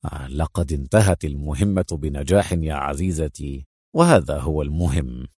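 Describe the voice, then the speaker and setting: A male narrator voicing a calm, confident spy hero in a low, unhurried, gently assured tone. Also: vocal fry, dry recording, clean studio sound, exaggerated voice.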